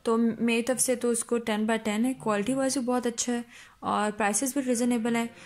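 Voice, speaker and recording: A woman hosting her cooking channel, chatting casually through an unboxing review of baking supplies and often pausing to fill gaps as she shows each item. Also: fairly high pitch, fairly even intonation, darkish tone. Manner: chatty, frequent hesitations, shows items one by one. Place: indoors at home, seated over a box.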